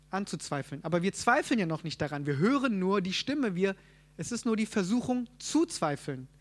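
A man preaching a sermon, teaching a group and asking them questions. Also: sits high. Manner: asks the audience questions, quick asides.

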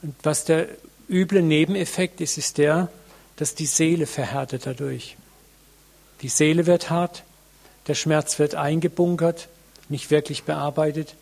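Guy giving a sermon, slightly high voice, earnest and slow with lots of pauses, talks right to the congregation. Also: steady tone, creaky, a little mellow. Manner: earnest, pausing, addresses the congregation directly. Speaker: preacher.

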